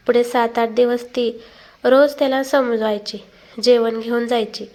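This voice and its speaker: Woman narrating a family story. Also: fairly high pitch.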